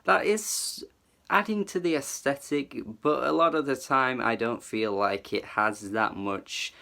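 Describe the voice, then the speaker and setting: A music reviewer with a medium-pitched, creaky voice that sounds pushed and bright talks through an album at a measured pace. His review is casual, enthusiastic, and chatty, packed with fillers and hedges like "like" and "kind of".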